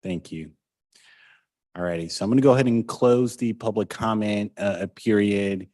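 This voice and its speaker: A man chairing a public meeting in a measured, weighty, semi-formal procedural manner. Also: on the low side, fairly even intonation, mellow, no echo, clean studio sound.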